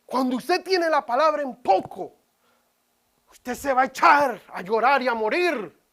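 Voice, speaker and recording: A woman preaching a sermon in church, dramatic, swinging from loud cries to hushed whispers. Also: high voice, lively intonation, a little slow.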